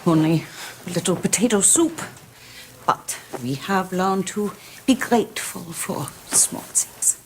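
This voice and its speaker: An actress playing a German hostess with a German accent, polite and quietly commanding. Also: female voice, on the low side, slow, slight background noise. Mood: gracious, grateful. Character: gracious, firm German hostess and mother. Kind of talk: film drama dialogue.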